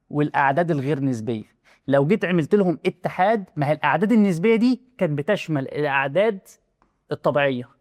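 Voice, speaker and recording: Rapid-fire Egyptian math teacher. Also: male voice, fairly high pitch, no room sound, clean studio sound. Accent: Egyptian Arabic. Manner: rapid, chatty, asks the student rhetorical questions. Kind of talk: casual classroom explanation.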